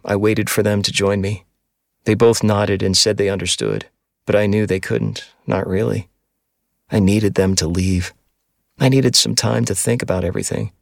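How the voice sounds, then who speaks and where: A man narrates a first-person audiobook in a steady, even reading voice. His low voice has a gravelly grain and sits dry and close on the mic. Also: no room sound.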